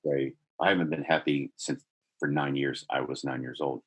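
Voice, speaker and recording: A man's voice: extremely low pitch, steady tone, moderate pace, breathy edge. A man, a podcast guest, earnestly telling a personal story and building energy as he goes.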